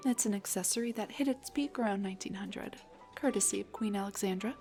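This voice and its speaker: In an intimate scripted audio roleplay addressed to the listener, a woman plays a shy, nervous dullahan on a blind date, sounding shy and pleased. She speaks quickly in a flustered, hesitant, rambling way, her mid-range voice a little mellow and close to an everyday voice, with faint music behind her.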